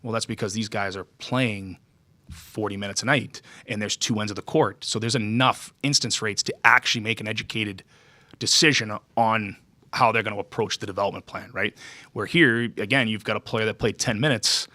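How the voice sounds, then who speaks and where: A man with a low, bright and forceful voice gives press conference answers, recorded close and dry. He is earnest and emphatic, restarting phrases and checking in with his listeners. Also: fairly even intonation, moderate pace, dry recording. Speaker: hockey skills development coach.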